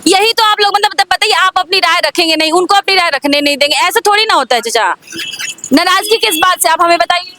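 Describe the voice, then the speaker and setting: A woman's voice: extremely high pitch, fast talker, bright, forceful tone, slight background noise. A woman doing a street interview, pressing her questions in an argumentative way.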